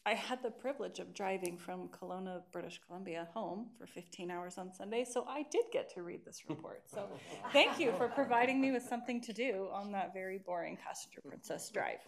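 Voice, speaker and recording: Woman speaking with braces, slightly creaky voice. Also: medium pitch, lively intonation, a little fast. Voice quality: speech affected by braces. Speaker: committee member at a public meeting. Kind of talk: informal meeting remarks.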